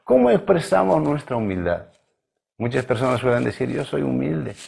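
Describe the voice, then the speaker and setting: A male pastor from Bolivia preaching a sermon in a measured, emphatic way, drawing out key words. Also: medium pitch, sing-song, gravelly, darkish tone, husky. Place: church livestream.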